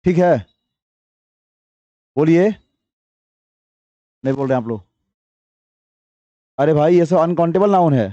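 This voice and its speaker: Here an English teacher, a high-voiced man with a warm tone, runs a classroom grammar lesson, coaxing students with repeated quiz questions. He reads English sentences slowly, then explains them briskly. The recording is dry and lo-fi.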